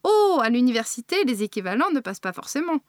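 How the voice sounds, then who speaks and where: Woman playing an impatient, high-pitched bureaucrat, clipped and dismissive, very dry sound. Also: big pitch swings, quick pace, no echo. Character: curt, exasperated woman office manager on the phone.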